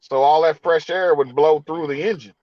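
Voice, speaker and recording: A man's voice: a little high, no room sound. Laid-back man, raised voice, lo-fi sound. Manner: laid-back, drawn-out, repeats phrases. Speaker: host. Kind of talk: casual car chat.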